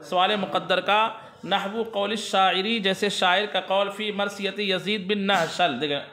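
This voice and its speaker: Male grammar teacher, keeps quizzing the class, sharp bright tone. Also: sits high, fairly even intonation, measured pace, roomy sound. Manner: asks students questions and answers them himself. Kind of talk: classroom lesson explaining a text.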